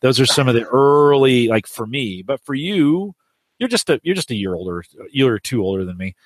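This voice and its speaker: A man's voice: medium pitch, animated, fairly quick, no echo. A middle-aged man interviewing casually, with rambling questions that he keeps interrupting himself.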